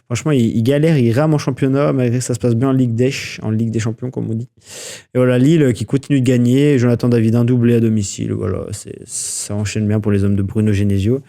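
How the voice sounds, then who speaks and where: A man's voice: medium pitch, steady tone, quick pace, vocal fry, dark tone. A man hosting a casual sports news podcast, talking loosely with many fillers, restarts and self-corrections as he runs through weekend results.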